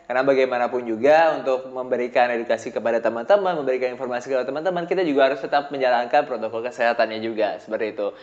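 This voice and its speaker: A young man in his twenties hosts a relaxed podcast conversation, rambling through fillers and laughing often. His voice sits at a middle pitch. It comes through a roomy space with a slightly dull, lo-fi tone. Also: rapid-fire, hardly any pauses. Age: 20s. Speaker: host. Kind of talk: casual podcast chat.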